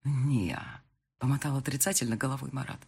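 A woman narrating a first-person romance audiobook expressively, jumping to high, loud lines in the dialogue. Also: fairly even intonation, fairly quick, gravelly, slightly rough.

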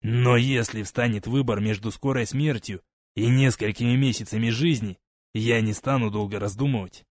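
A man's voice: mid-range voice, steady tone, dry recording, studio quality, natural voice. A man voicing a wry, seasoned army captain in an audiobook. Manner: wry, measured.

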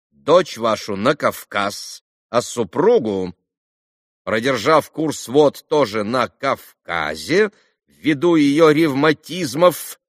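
A man voicing a haughty, impatient doctor who speaks slowly and with weight. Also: mid-range voice, a bit bright, no echo, studio quality, pitched above the performer's own voice. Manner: slow, weighty, condescending.

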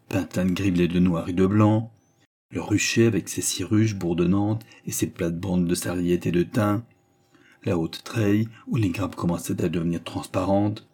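A man narrating a classic novel as an audiobook in a measured, even way. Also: lowish voice, husky.

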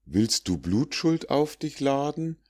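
A man's voice: mid-range voice, big pitch swings, takes it slowly, voice pushed up. A caught female wasp from a storybook fable voiced by a man begs for mercy in a raised, anxious voice. She keeps excusing herself and says nature made her sting. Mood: pleading. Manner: begging, self-excusing.

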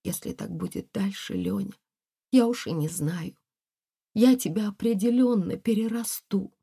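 A woman's voice: mid-range voice, expressive, normal speed, mellow, breathy edge, pitched above the performer's own voice. A woman voicing a young wife who speaks tearfully and reproachfully. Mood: hurt. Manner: tearful, stammering.

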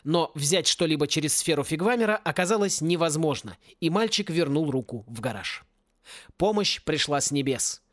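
Lively male audiobook narrator. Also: a little high, moderate pace, dry recording, studio quality. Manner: lively, animated reading. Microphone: close home studio mic.

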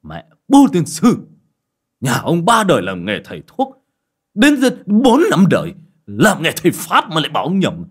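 A man voicing a proud, hot-tempered village healer who rants loudly. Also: on the high side, huge pitch swings, moderate pace, breathy edge, pitched above the performer's own voice, exaggerated voice. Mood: cursing. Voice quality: raised and shouting when angry.

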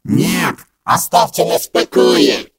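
Hissy gravelly demon voices, slow and creepy, storybook. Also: male voice, fairly high pitch, expressive, no room sound, studio quality, exaggerated voice. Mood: snarling. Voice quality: raspy, hoarse whisper. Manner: slow, pleading then defiant. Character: whining hissing demons, small and spiteful. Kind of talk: audiobook reading.

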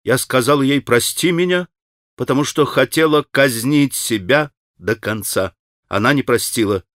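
A man reading an audiobook, voicing a proud, tormented young woman in quick, clipped, strained speech. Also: mid-range voice, a bit bright, no room sound, studio quality, close to an everyday voice.

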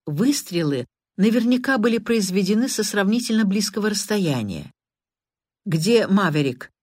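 Medium-pitched and even, a woman narrates an audiobook from a script in a measured way. There's no room sound, and the quality is studio-grade.

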